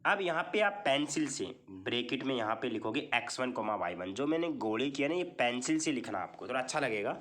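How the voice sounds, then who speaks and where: A man's medium-pitched voice is sing-song and fairly bright, and he speaks briskly with few pauses. He teaches maths as if in a classroom, explaining step by step, checking with the class over and over with "theek hai", and supplying answers to his own questions.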